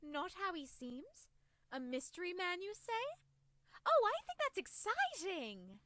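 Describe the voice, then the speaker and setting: An actress playing a refined, romantic pony seamstress in a cartoon, theatrical and eager for gossip. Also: female voice, extremely high pitch, sing-song, unhurried, pushed and bright, no room sound, heavily acted. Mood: excited, teasing.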